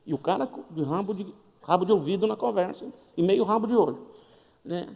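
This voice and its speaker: Delivering a storytelling sermon in a church hall, a man from Brazil with a Brazilian Portuguese accent acts out a story's dialogue in a funny, conversational way. His voice sits high, gravelly yet a little mellow, with lively intonation and a slightly fast pace, under the hall's long reverb.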